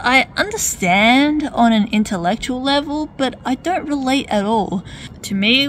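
A woman's voice: a little high, a little hiss or hum. A woman giving argumentative video commentary in a wry, debating tone, firing off pointed rhetorical questions. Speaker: video essayist.

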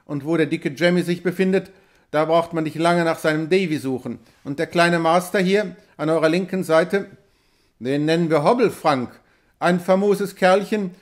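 A man's voice: on the high side, normal speed, close to an everyday voice. A man voicing a swindler posing as a trapper, talking eagerly and ingratiatingly.

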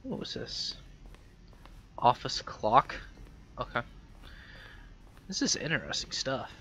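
A man's voice: medium pitch, very animated, slow, sharp tone, slight background noise. A young man thinking aloud while he plays a game, musing and hesitant. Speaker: gamer. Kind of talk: let's play commentary.

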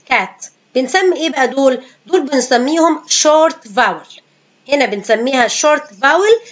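Egyptian woman teaching pronunciation, patient. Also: high voice. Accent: Egyptian Arabic. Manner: repeats each example word slowly and patiently; asks questions and answers them herself. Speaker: English teacher. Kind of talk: pronunciation lesson. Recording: dull lo-fi sound.

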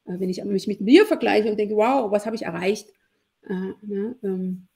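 A woman's voice: mid-range voice, normal speed, darkish tone. A woman in her forties, a guest on a podcast, talking reflectively over a video call with lots of fillers. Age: 40s. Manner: reflective, many fillers, frequent "ne?". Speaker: podcast guest, lawyer and networking expert. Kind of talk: casual conversational interview. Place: home room with shelves.

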